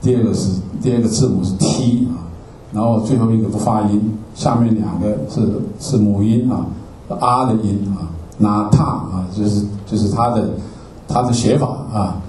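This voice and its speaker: A man's voice: on the low side, normal speed, a little mellow, slight background noise. A man teaching a Bible class from slides, explaining word by word, repeating himself and often checking in with "okay?". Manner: repetitive, explanatory, ends phrases with "ah" and asks "okay?". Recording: roomy, distant mic with faint ambience.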